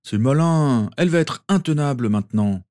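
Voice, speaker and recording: A man's voice: medium pitch, expressive, normal speed, dark tone, pitched above the performer's own voice, close to an everyday voice. A man voicing a brash, boastful teenage boy who hates losing in a read-aloud story. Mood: cocky. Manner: cocky, brash.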